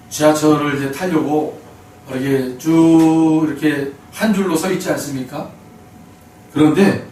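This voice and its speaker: A pastor preaching a sermon and telling a story, fervent and rising to shouts. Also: male voice, on the high side, slight background noise. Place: church sanctuary. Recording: very echoey hall, mic at a distance.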